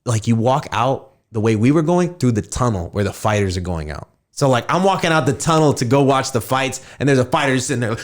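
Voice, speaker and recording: This thirtysomething podcast host talks fairly quickly with hardly any pauses, his voice mid-range. Telling a story in relaxed conversation, he brings the characters to life, raising his voice whenever he quotes them.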